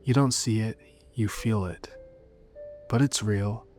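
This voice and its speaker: A seductive, menacing demon woman from a horror tale, acted out by a man in a low voice. The speech coaxes in cryptic lines and slips toward whispers. Music plays underneath. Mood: soft, coaxing. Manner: slow, coaxing, cryptic speech with soft whispered turns. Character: seductive, menacing female sleep paralysis demon, coaxing and cryptic.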